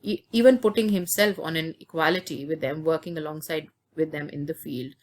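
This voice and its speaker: A woman teaching a literature lesson, explaining a short story in a steady lecturing manner with frequent fillers and restarts. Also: low-pitched, brisk.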